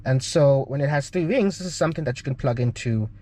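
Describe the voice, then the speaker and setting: A man with a South African accent hosts an aviation channel and explains gear in an informal tutorial. He talks fast in a mid-range voice with a dark tone, sounding hesitant and explanatory and checking in often as he goes.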